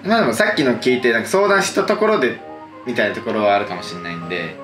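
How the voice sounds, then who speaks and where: A man's voice: medium pitch, animated, racing. A man chatting casually, chipping in with brief, agreeable replies. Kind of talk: casual chat. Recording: roomy echo, music behind the talk.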